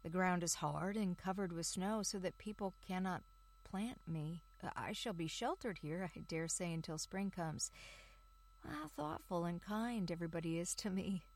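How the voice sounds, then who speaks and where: A woman voicing a proud young fir tree in a storybook reading, musing softly on his loneliness and hopes. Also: on the low side, normal speed. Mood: lonely. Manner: soft, musing inner thoughts.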